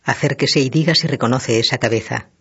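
A man's voice: mid-range voice, fairly quick, fairly bright tone, husky. A man reading the part of a stern judge who questions the accused in a hard, commanding tone. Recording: dull lo-fi recording.

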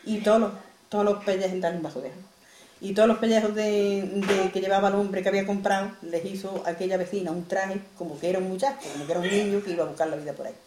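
A woman's voice: mid-range voice, fairly even intonation, fast talker, darkish tone, a little hiss or hum. Woman telling a folk tale, roomy echo. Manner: plain, homely, repeats "dice". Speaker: storyteller. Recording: roomy echo, faint ambience.

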